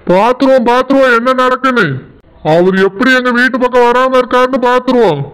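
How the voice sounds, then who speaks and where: A man's voice: very high voice, brisk, a bit bright, smooth, poor audio. A man voicing a defiant young husband in a cartoon, earnest and challenging, with a Tirunelveli Tamil accent.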